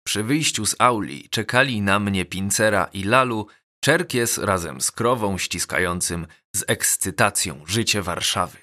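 Slow, bright-voiced male narrator. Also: fairly low pitch. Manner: measured, even storytelling. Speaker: audiobook narrator. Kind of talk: scripted narration.

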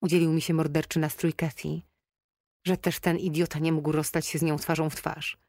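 A woman's voice: low-pitched, level tone, moderate pace, a little mellow, no room sound, clean studio sound. Woman narrating a first-person novel. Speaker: audiobook narrator.

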